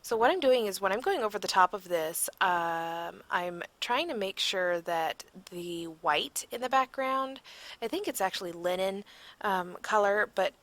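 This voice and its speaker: A woman's voice: medium pitch, expressive, a little slow, fairly bright tone, no room sound. A tired woman giving a casual voiceover for a craft video, rambling and searching for words with frequent ums. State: yawning, tired. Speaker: crafter narrating a process video.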